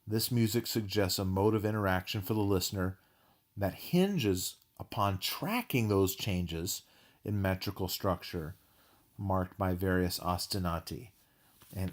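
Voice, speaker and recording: A man with a fairly low voice walks through a music analysis in a recorded lecture. He speaks in a measured, academic way and drops in an occasional filler.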